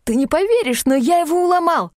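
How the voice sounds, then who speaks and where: A woman reading an audiobook, voicing an eager, excitable young man obsessed with mountains. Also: high-pitched, unhurried, no echo, clean studio sound, pitched above the performer's own voice. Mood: excited. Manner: eager, pleading and loud. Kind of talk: audiobook character voice.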